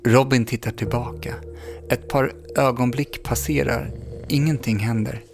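Male storyteller, mid-pitched and gravelly, reads calmly with dramatic pauses over a music bed. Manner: calm, measured reading with dramatic pauses. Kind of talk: scripted story narration. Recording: background music under the voice.

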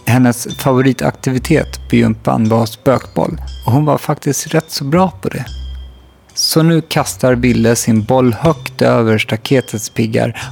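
A male narrator reading a children's story aloud in a calm, steady way. His mid-pitched voice has a gravelly grain, with faint music under it. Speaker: audiobook narrator.

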